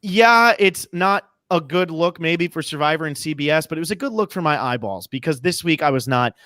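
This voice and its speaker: A man with a high-pitched voice hosting a casual, chatty TV recap podcast. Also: animated, a little fast, sharp tone, no room sound, studio quality. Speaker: podcast host.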